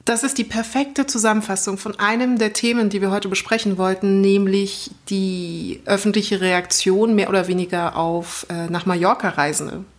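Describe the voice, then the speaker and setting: A woman with a mid-range voice co-hosts a relaxed podcast chat. She speaks articulately with a dry, ironic edge, stopping now and then on small fillers. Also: mid-range voice, normal speed, hardly any pauses. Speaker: podcast co-host. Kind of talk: casual podcast conversation.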